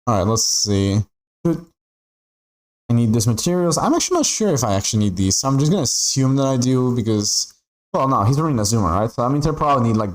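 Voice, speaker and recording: A young Peruvian man streams a game while chatting casually, rambling on and stuffing his talk with "like" and "right?" His medium-pitched voice comes through on poor audio.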